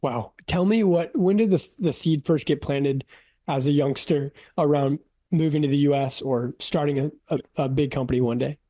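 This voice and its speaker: A man's voice: a little high, moderate pace, warm tone, no echo. A man hosting a podcast, upbeat and casual, using loose fillers like "like". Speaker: podcast host. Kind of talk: podcast interview and ad read.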